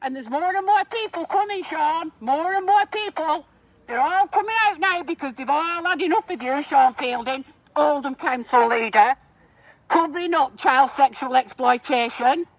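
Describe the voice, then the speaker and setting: With a high voice at a moderate pace, a woman acts as a street protester, confronting and accusing anyone within earshot. It's loud public protest speech through a megaphone, sounding dry and echo-free outdoors.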